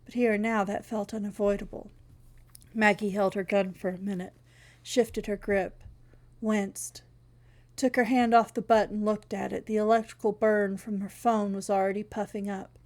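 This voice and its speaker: Woman narrator, scripted story reading, steady and wry. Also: mid-range voice, moderate pace.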